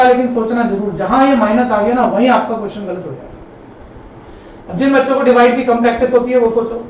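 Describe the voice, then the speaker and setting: A male maths teacher giving a live online lesson in a classroom, patient and repetitive, often calling his students kids and brother. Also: very high-pitched. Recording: roomy, distant, dull classroom sound with faint noise.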